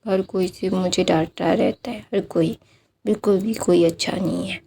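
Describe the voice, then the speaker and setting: Woman voicing a sulky young man, whiny, complaining, gravelly, dark tone, storytelling. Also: on the low side, steady tone, moderate pace, a little hiss or hum.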